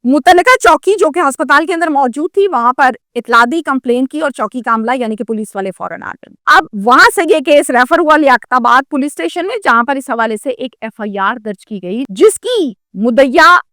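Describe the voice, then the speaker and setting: A woman with a Pakistani Urdu accent tells a crime story and then turns to indignant, lecturing commentary aimed straight at the listener. Her voice sits high and sounds sharp and bright. The recording is close and dry. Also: animated, hardly any pauses, no room sound. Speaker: crime news presenter.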